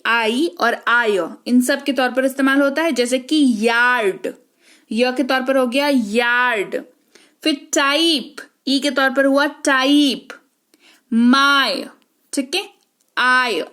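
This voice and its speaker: A woman teaches English phonics in an unhurried lesson. Her voice sits high. She draws out every example word slowly and keeps checking that the class is following. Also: a bit bright. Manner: slow, drawn-out example words, frequent "ठीक है".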